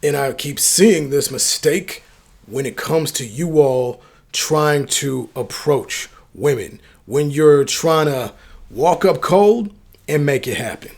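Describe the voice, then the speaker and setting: Husky-voiced man giving slangy advice. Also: a little high, lively intonation, slow pace. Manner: slangy, emphatic, coach-like. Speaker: dating advice host. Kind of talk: direct-to-camera advice talk.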